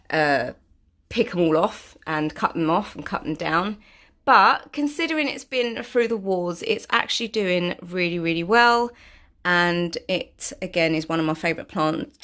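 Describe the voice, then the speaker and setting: A woman's voice: lowish voice, a bit bright. A woman chatting casually through a home vlog, self-deprecating and full of fillers. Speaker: vlogger. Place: home, indoors.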